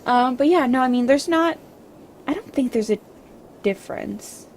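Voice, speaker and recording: A woman's voice: high-pitched, expressive, moderate pace, darkish tone, a little hiss or hum. A French Canadian woman, a native French speaker, chatting casually on a livestream and rambling with lots of fillers and restarts. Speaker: streamer. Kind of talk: casual livestream chat with viewers.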